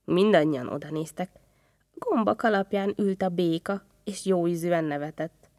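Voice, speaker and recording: A woman reading a children's story aloud, expressive. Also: on the low side, no echo, clean studio sound.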